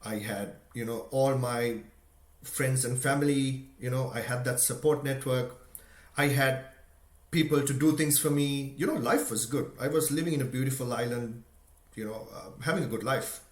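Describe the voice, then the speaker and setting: A man's voice: mid-range voice, normal speed. A man from Sri Lanka giving an earnest, conversational motivational talk, full of "you know" and "right?". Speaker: motivational speaker. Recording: echoey room.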